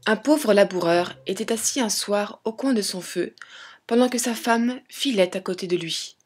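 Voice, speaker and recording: A woman reads a fairy tale aloud in a gentle, measured storybook style. Her voice sits at a medium pitch and has a soft, breathy grain. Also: soft background music. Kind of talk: storybook reading.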